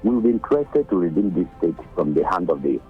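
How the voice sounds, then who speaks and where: A man calling into a radio show, earnest and halting as he asks his question. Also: sits low, very animated, soft background music. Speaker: radio caller. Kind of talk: phone-in call. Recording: dull phone line into radio.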